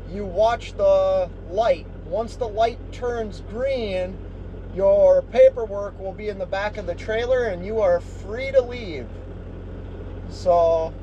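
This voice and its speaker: A truck driver vlogs casually from his truck cab and outdoor truck lots, relaxed and rambling with many ums, feeling tired and unwell. His high-pitched voice is recorded on a phone or dash camera, muffled and noisy, with engine and traffic sounds from the yard behind him.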